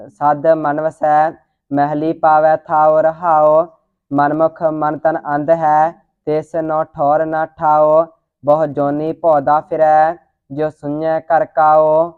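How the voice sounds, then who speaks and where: A student recites scripture one line at a time in an unchanging monotone, very slow and even. The voice is smooth and clear, though the recording is dry and tinny, like a phone line. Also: medium pitch, dry recording. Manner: steady monotone reading, line by line.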